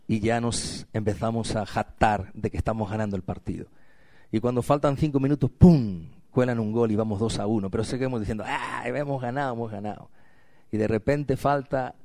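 A man's voice: on the low side, mellow, no room sound. A man from preaching a sermon, emphatic and repetitive, asking rhetorical questions. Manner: emphatic, repeats key phrases, rhetorical questions.

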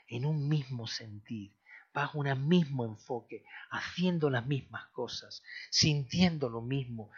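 A man from Spain preaching a sermon as pastor, swinging between loud bursts and soft low phrases. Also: slightly rough. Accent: Spain Spanish. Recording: dull lo-fi recording.

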